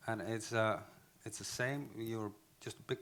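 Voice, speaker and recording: This conference speaker, an Icelandic man talking in English, has a lowish, clear, resonant voice with a steady, fairly bright tone. His delivery is halting, full of restarts and self-corrections.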